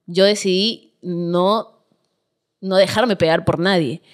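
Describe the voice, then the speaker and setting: A woman's voice: on the low side, fairly even intonation, takes it slowly, clear, resonant tone. A Peruvian woman, a guest on a podcast, telling her own story in a casual interview, candid and emphatic.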